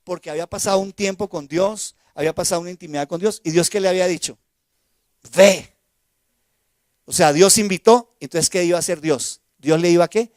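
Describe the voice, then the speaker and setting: A male pastor delivers a sermon in a fairly high voice, captured close and dry with little room sound. He swings from loud, emphatic lines to quiet asides and keeps asking the congregation questions. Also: fast talker, hardly any pauses, no room sound. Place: church sanctuary.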